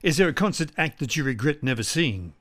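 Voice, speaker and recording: A man's voice: on the high side, lively intonation, fairly quick, a bit bright. A man hosting an interview podcast, asking his guest questions in a friendly, direct way. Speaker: podcast host.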